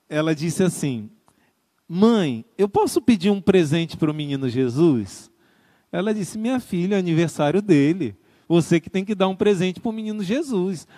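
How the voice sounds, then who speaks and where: Guy preaching, high voice, tells a sweet story w/ little voices for mom and kid, super dry close sound. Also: expressive, unhurried, warm tone, no room sound. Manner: tender storytelling, acting out a mother and child in dialogue. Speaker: religious brother and preacher. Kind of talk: storytelling sermon from a livestream.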